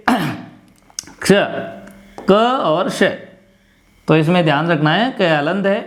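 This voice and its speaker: A male teacher with a Rajasthani Hindi accent giving a classroom lecture, explaining step by step and repeating sounds slowly for pronunciation. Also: a little high.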